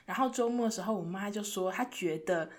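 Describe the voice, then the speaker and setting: Young woman, podcast co-host, rapid lively storyteller. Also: mid-range voice. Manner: animated storytelling, acts out her parents' lines. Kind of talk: casual chat.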